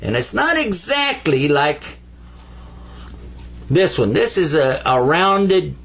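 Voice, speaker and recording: Lively older man teaching letters. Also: fairly high pitch, takes it slowly, gravelly. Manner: lively, playful, coaxing learners to repeat sounds. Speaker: Arabic teacher. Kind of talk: classroom letter lesson at a board.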